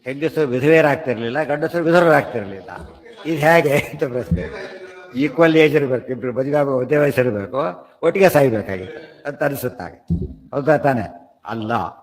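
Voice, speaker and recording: A man giving a scripture lecture, explaining Sanskrit verses in a conversational way, often checking whether listeners understood. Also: mid-range voice. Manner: chants verses slowly. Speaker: scripture teacher. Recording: long hall reverb.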